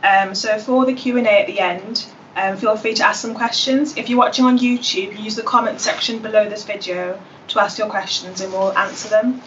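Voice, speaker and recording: A woman's voice: mid-range voice, normal speed. Young woman hosting a webinar. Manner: relaxed, with frequent ums. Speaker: host, graduate ambassador. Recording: distant dull webinar audio with faint hiss.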